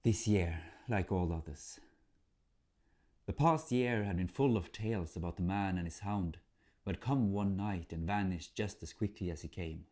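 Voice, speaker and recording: A folk tale is narrated by a man whose fairly low voice carries a warm tone. He performs it theatrically and at a measured pace, in the manner of oral storytelling for an audience.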